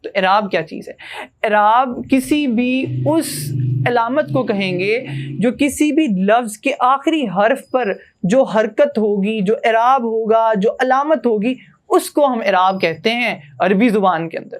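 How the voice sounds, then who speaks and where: A young man from Pakistan, a university student, giving a classroom grammar lesson and patiently explaining with rhetorical questions. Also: extremely high pitch. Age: young adult. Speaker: student teacher.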